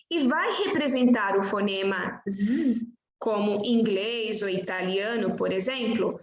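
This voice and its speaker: A woman teacher with a Brazilian Portuguese accent, giving a slow pronunciation lesson and over-articulating each example word. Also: on the high side. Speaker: language teacher. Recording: echoey room with faint noise.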